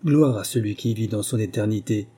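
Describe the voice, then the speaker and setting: A man narrating a classic tale in a measured, steady reading. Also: on the low side, breathy edge. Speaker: audiobook narrator. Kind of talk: storybook narration.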